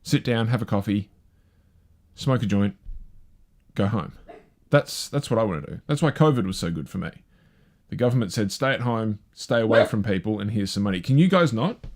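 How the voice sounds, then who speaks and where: Male live-show host, slightly low, rambling and casual. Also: expressive, moderate pace, long pauses. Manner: rambling, chatty, self-deprecating.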